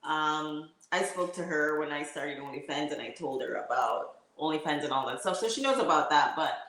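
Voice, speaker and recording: A woman's voice: low-pitched, normal speed, a bit bright. A woman with a Jamaican accent, speaking as an interview guest and laughing often between phrases. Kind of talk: casual interview chat. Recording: very echoey room.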